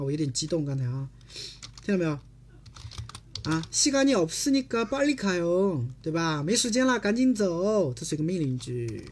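A rapid-fire livestream Korean lesson from a teacher from China, the voice a little husky and breathy. The teacher explains each point in Chinese and reads the Korean example sentences in between. Nearly every remark ends by checking in with the viewers. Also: medium pitch, a little mellow. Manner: constant tag questions to the audience.

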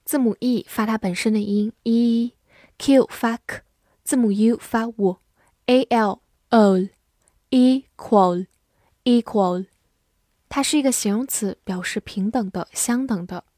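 A woman teaching English vocabulary in a scripted lesson, spelling out words and reading example sentences slowly and carefully. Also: on the high side, darkish tone, no room sound, clean studio sound.

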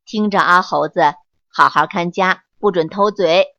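A woman doing a wry, calm monkey owner. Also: unhurried, gravelly, dry recording, heavily acted. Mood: teasing. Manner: dry, teasing, lower voice. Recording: dull lo-fi, dry.

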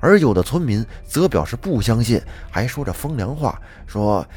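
Husky, lively male storyteller. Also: mid-range voice, moderate pace. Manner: lively, animated first-person narration. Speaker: storyteller host. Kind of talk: folk tale storytelling. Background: faint background music.

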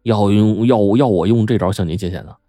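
A man's voice: fairly low pitch, fairly quick, warm tone, no room sound, studio quality, close to an everyday voice. A man doing a stammering scared teen boy. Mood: nervous. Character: scared stammering teenage nephew, sly.

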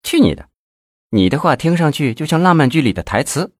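Man voicing a coy young TV-host mistress, sharp tongue, lively pitch, storybook read. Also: no room sound, clean studio sound, lightly acted. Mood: coquettish, teasing. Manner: coquettish, scolding, quick retorts.

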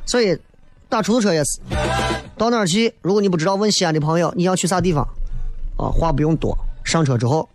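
A high-voiced, fast-talking man from Xi'an, Shaanxi, China, hosts a comedy show with music in the background. In a Shaanxi accent he delivers a humorous, colloquial monologue about local dialect and city life, slipping into mimicry for laughs.

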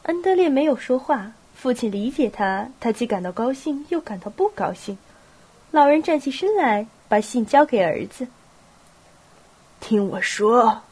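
A woman's voice: sits high, very animated, moderate pace, warm tone, breathy edge. Woman with a cold reading a novel. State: has a cold. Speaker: audiobook narrator.

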